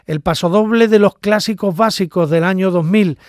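A man's voice: sits high, moderate pace, no echo, studio quality. A man with an Andalusian accent reading scripted introductions to carnival songs as a podcast host. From Andalusia, Spain.

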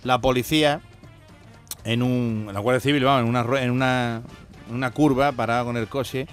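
A man with an Andalusian accent telling jokes on a radio show, animated and laughing at his own punchlines. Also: mid-range voice, normal speed, soft background music. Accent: Andalusian Spanish. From Andalusia, Spain. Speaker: joke-telling radio guest.

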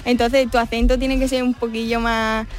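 A woman's voice: a little high, little pitch movement, normal speed, faint music behind. A woman with an Andalusian accent, a regular radio contributor explaining things in casual chat in a studio. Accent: Andalusian Spanish.

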